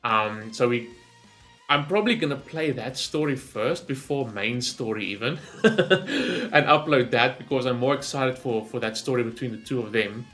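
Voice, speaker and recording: A man with a medium-pitched, fairly bright voice speaks at a normal speed while faint music plays behind him. He's hosting a gaming reaction video, rambling casually off the cuff and thinking aloud. He keeps checking himself by tagging "right?" onto his sentences.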